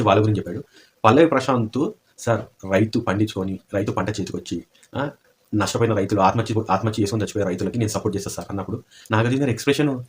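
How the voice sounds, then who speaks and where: A man's voice: medium pitch, a little hiss or hum. A man giving opinionated commentary, asking pointed rhetorical questions.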